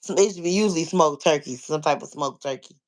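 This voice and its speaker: An American vlogger talks in a loose, conversational way, as if chatting with listeners. The speech explains things step by step in a casual register, circling back and padding phrases with "like" and "you know." The pitch sits in a middle range between typical male and female voices. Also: quick pace, poor audio. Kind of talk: casual chat, answering listeners.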